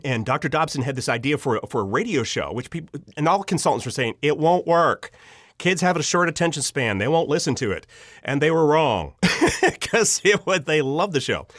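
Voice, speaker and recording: This podcast guest, a middle-aged American who writes audio dramas, tells personal anecdotes conversationally in an interview, acting out remembered lines. His voice is a little high, very animated and a bit bright, at normal speed, captured with clean studio sound and no echo.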